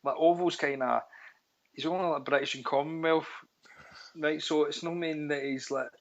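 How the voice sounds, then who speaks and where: A man's voice: on the high side, steady tone, normal speed, slight background noise. A Scottish man with a Glasgow street accent, bantering casually and bluntly about sport with plenty of swearing and slang. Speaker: podcast panellist. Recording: dull, lo-fi voice line.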